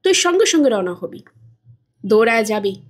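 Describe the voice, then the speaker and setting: A woman reading a storybook takes on the role of a menacing, brutal bodybuilder thug, an adult man, sounding coarse and threatening. Her fairly high voice moves at a moderate pace with a sing-song lilt.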